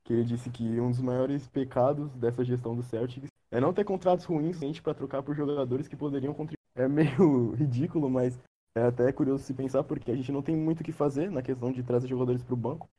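A man's voice: mid-range voice, steady tone, fast, warm tone. A man co-hosting a casual sports podcast, fluent and wry, laughing easily. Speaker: podcast co-host.

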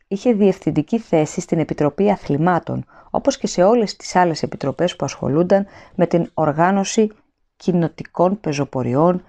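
Low-voiced, mellow woman narrating an audiobook.

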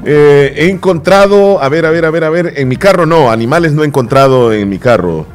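Lively, animated male radio host. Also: fairly high pitch, brisk. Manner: cheerful, repeats words for emphasis. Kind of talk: casual morning show chat.

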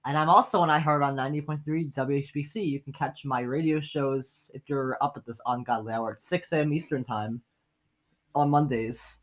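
A man's voice: mid-range voice, steady tone, moderate pace, rough recording. A man chatting casually as co-host of a podcast. He cracks jokes and laughs a lot. He eats and hiccups as he talks. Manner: jokey, laughs often, talks while eating. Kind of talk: casual chat.

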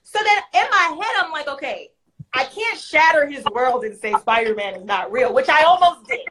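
Woman, guest storyteller, high voice, very lively, acts out voices. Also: moderate pace, noisy background. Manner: animated, acts out voices, laughs while telling. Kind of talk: animated storytelling.

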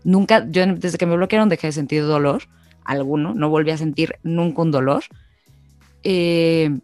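A woman's voice: deep voice, no room sound. A young Mexican woman co-hosting a podcast, telling a personal story in a chatty casual way. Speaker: podcast co-host. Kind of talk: casual chat.

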